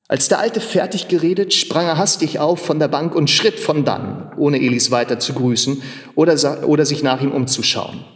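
A man giving a theatrical literary reading, telling the story in a measured, expressive way. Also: fairly high pitch. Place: large machine workshop hall in a theater. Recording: long reverb of a large hall.

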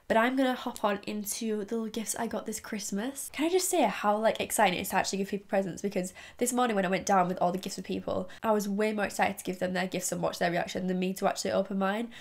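A woman talks straight to her viewers in a bubbly, chatty way, unpacking her gifts for a casual vlog. Her nose is stuffed up from a cold, so every word comes out thick and nasal. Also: mid-range voice. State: congested, blocked nose from a cold. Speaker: YouTube vlogger. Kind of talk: casual haul vlog chat.

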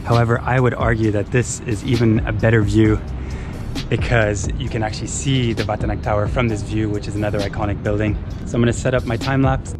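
A man's voice: fairly low pitch, steady tone, a little fast. A man in his thirties, a travel vlogger, talking casually and enthusiastically to a handheld camera held at arm's length outdoors. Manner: chatty, enthusiastic. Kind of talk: casual vlog narration. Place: outdoors on a city rooftop and streets. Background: background music.

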